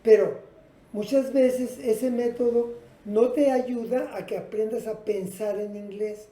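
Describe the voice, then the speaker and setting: Woman teacher, patient explanations, dark mellow voice, fairly high pitch, echoey room. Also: fairly even intonation, takes it slowly. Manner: patient, explanatory, addresses students directly. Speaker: English teacher. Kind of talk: classroom lesson at a whiteboard.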